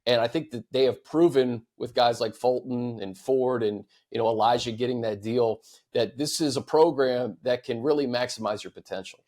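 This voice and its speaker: An American man hosts a sports talk show, reading fan questions in a casual, easygoing, conversational way. His mid-range voice has a darkish tone and moves at a moderate pace.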